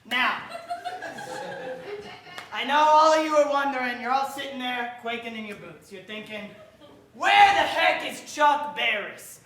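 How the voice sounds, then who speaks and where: A woman playing a brash, sleazy male game show host in a live sketch on a theater stage, loud and rambling and out of breath. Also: sits high, animated, unhurried, pauses often, a little hiss or hum. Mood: hyped. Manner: loud, rambling, breaks into laughter. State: winded. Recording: roomy theater sound.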